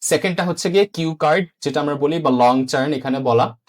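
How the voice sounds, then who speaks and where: A man's voice: fairly high pitch, a little fast. Man teaching an exam lesson. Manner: patient, repetitive explaining, mixing in English terms, frequent "uh" fillers. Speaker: IELTS teacher. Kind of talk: explanatory online lesson.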